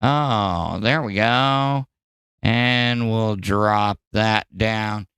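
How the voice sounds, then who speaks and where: A man hosting a podcast in casual, profane commentary, animated and jumping between loud outbursts and mumbles. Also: on the low side, extremely slow, clean tone, no echo. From Wisconsin. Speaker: podcast host. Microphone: studio mic in front of green screen.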